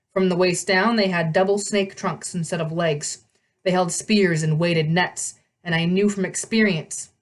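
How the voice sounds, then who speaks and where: A woman reading a novel aloud with animated delivery, often stumbling and correcting herself. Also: on the low side. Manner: animated reading, frequent slips and self-corrections. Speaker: read-aloud host.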